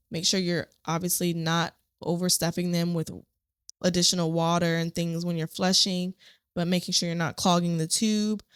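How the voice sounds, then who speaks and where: A woman podcast host, a nurse, telling a story from a shift in a lively, animated way. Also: lowish voice, no echo, studio quality. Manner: animated storytelling, acts out quotes.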